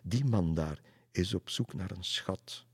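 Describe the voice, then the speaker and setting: A man's voice: low-pitched, slow, a little mellow, husky, no echo, clean studio sound, exaggerated voice. Man doing a cheeky, knowing boy. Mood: teasing. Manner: teasing, knowing. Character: cheeky boy who knows the castle's ghosts.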